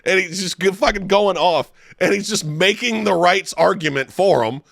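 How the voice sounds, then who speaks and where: A man's voice: sits high, normal speed, gravelly, no echo, studio quality. A man co-hosting a comedy podcast, ranting with heavy swearing and frequent laughter. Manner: loud, swearing, laughing rants. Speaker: podcast co-host. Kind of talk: profane comedic banter.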